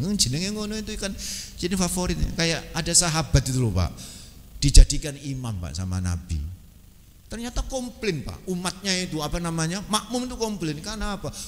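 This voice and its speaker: A man's voice: a little high, in a large hall. A man with a Javanese accent giving a conversational mosque sermon, often addressing listeners as "Pak" and chanting verses. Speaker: preacher.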